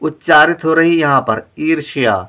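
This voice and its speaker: Indian guy teaching hindi reading, bright clear voice, stretches out each word slow for practice. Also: on the high side. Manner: slow, drawn-out word-by-word pronunciation drills. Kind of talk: explaining lesson to viewers.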